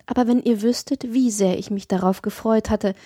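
A woman voicing a shy, wistful young peasant girl who speaks softly and bashfully, in a lifted voice. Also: a little high, fairly even intonation, normal speed, no echo, clean studio sound, close to an everyday voice. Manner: soft, bashful, sighing.

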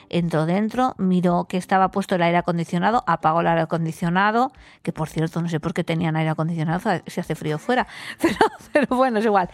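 A podcast host from Spain casually tells a travel story about a hotel mishap, chatting away and acting out the dialogue with laughs. Her voice is fairly low, with no echo.

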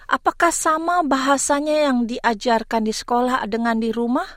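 A woman with a fairly high voice, recorded very dry. She hosts a conversational radio interview, feeling her way through questions and rephrasing them as she goes. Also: fairly even intonation, normal speed, a bit bright, no room sound.

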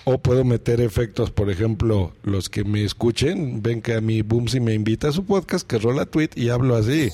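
A man's voice: mid-range voice, normal speed, hardly any pauses, warm tone. Man, casual tutorial, studio mic through a mixing desk. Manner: explains step by step, addresses viewers directly. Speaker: podcaster teaching audio gear. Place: home recording setup at a mixing desk. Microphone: studio microphone through a mixing desk.

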